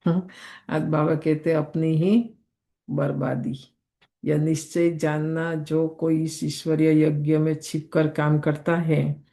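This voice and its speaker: With a low, dark voice, a woman teaches a daily spiritual lesson in a conversational style. She often checks in with her listeners, repeatedly asking "isn't it?"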